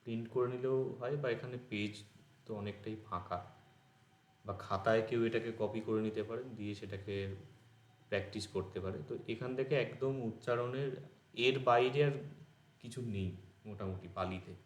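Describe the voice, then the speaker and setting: A man teaching an exam-prep grammar lesson, explaining slowly as he writes on a page. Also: fairly low pitch. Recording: echoey room.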